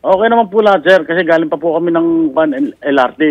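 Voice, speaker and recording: A man, a bus driver calling in, answering loudly and defensively. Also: on the high side, muffled recording. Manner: loud, defensive, rapid.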